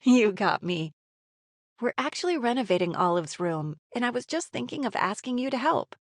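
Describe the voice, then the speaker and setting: A woman's voice: on the high side, big pitch swings, moderate pace, no room sound, studio quality. A woman playing a wry, affectionate novelist heroine in a story game, with a playful conversational manner. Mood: cheerful. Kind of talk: scripted game story dialogue.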